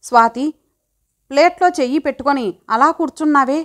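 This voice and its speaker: A woman's voice: sits high, a little fast, fairly bright tone. A woman voicing a young female friend in a storybook reading, light and teasing. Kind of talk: audiobook character reading.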